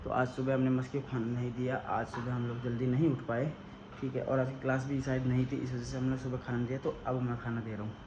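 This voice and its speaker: A man's voice: mid-range voice, flat delivery, quick pace, muffled recording. A young man chatting casually to the camera for his family vlog, talking straight to viewers and teasing his dog. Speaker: vlogger. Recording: noisy handheld phone recording.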